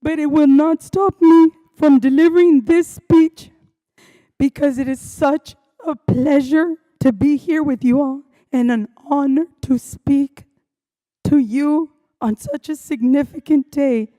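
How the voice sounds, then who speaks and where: A woman school principal with a hoarse, strained voice gives an earnest, heartfelt welcoming address to students and families at a ceremony. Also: high-pitched, fairly even intonation, slow, mellow. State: hoarse, losing her voice. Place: school event venue, indoors.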